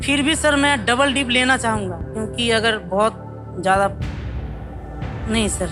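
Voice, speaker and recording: A man's voice: very high-pitched, fairly even intonation, measured pace. An Indian man answering as a quiz show contestant, in a deferential and hesitant manner. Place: television studio. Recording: music playing behind.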